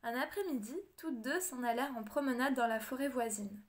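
A woman narrating a storybook audiobook in a measured, expressive read-aloud manner. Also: fairly high pitch. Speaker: audiobook reader.

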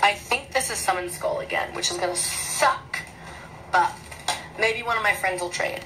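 Woman rambling excitedly in her little bedroom, phone camera audio with loud hiss behind. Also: medium pitch, normal speed. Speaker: vlogger. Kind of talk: casual unboxing vlog. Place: small bedroom at home.

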